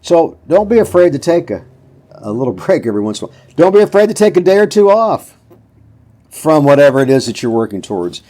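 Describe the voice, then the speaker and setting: A man's voice: on the high side, sing-song, fast, warm tone. A man in his seventies hosting a casual motivational talk, telling folksy stories and acting out what people said. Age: 70s. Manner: folksy storyteller, acts out quotes. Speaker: podcast host.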